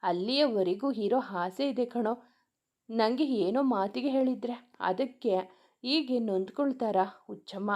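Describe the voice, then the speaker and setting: A woman voicing a loving young husband who coaxes his wife with soft endearments. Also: on the high side, unhurried, lightly acted. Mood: tender.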